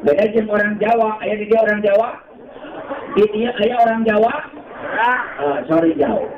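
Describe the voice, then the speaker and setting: High-voiced Sundanese preacher, roomy and distant. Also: male voice, fairly even intonation, moderate pace, background noise. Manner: jokey, swings from low asides to high exclaimed phrases. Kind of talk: humorous sermon. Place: outdoor gathering by a slope. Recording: roomy, distant, dull PA sound with crowd.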